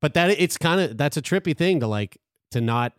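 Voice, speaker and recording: Expressive and a little fast, a man of thirty-five hosts a podcast in a fairly high voice. The chat is casual, with lots of restarts and casual swearing, and the clean studio audio has no echo.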